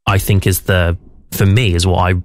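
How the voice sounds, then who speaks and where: Deep-voiced man coaching a reading. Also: fairly even intonation, normal speed. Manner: thoughtful and explanatory, with frequent restarts. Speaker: theatre director. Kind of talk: coaching a reading in a radio conversation.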